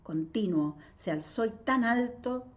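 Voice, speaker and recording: A woman's voice: on the high side, lively intonation, measured pace. Argentine woman reading a novel aloud. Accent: Argentine Spanish. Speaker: literature reader. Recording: dull lo-fi audio.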